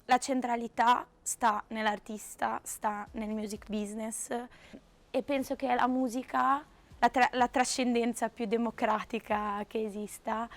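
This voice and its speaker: A woman talking reflectively in an interview, hoarse, with her voice giving out from shouting. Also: fairly high pitch, steady tone, unhurried.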